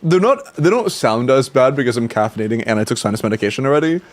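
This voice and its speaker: A young man with a mid-range voice talks fast and with lively intonation while streaming a game and chatting casually with viewers. He sounds stuffy and congested, rambling and restarting his sentences, swearing casually and laughing.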